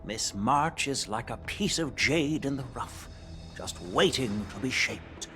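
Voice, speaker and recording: A jovial old swordmaster general in a game. His mid-pitched voice swings widely in an avuncular, theatrical way, with faint music behind him. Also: animated, slow pace, pushed and bright. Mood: encouraging. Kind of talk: game cutscene voice acting.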